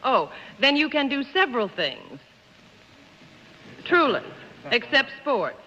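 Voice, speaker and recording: A woman's voice: high voice, sing-song, takes it slowly, bright, forceful tone, slight background noise. A woman on a panel game show in a 1950s TV broadcast, asking questions hesitantly with many fillers and a playful tone. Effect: 1950s TV broadcast sound. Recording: dull echoey 1950s TV broadcast.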